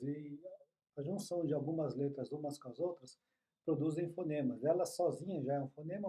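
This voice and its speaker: A man's voice: fairly high pitch, mellow, poor audio. Chatty man teaching Japanese. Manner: chatty, explanatory, asks the listener "né?" often. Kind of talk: casual online lesson.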